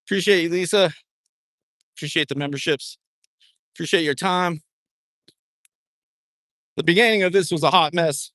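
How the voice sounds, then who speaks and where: A man's voice: on the high side, moderate pace, long pauses, a bit bright, no echo, studio quality. A laid-back man with a Southwestern American accent, chatting casually during a live stream while walking outdoors and joking about his own mistakes. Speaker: livestream host. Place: outdoors, walking in a dry wash.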